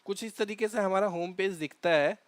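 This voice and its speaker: A man teaching DevOps guides a cloud tutorial over a shared screen, his delivery halting, packed with fillers and restarted sentences. The voice is fairly high, smooth and resonant. The recording is dry and close-miked, with no room sound at all.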